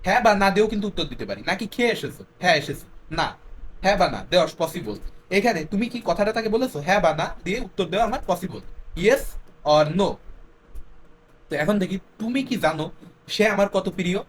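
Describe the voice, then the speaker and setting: A man teaching a grammar lesson. He explains step by step, slips English words in, and repeats his example sentences slowly. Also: high-pitched, big pitch swings, slight background noise.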